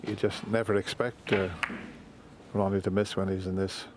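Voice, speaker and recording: A man's voice: sits low, little pitch movement, normal speed, background noise. A man commentating live on snooker in a conversational, appreciative way.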